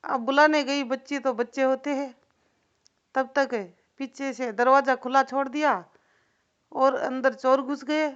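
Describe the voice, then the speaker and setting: High-voiced woman telling a devotional tale. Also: little pitch movement, a little slow. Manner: loose, repetitive oral telling with asides to the listener. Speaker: storyteller. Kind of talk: casual devotional storytelling. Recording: dull lo-fi recording.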